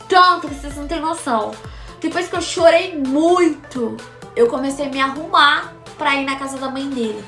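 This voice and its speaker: High-voiced woman telling a story. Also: sharp tone. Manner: emphatic, slangy, repeats herself. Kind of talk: casual storytime. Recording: echoey room with faint music.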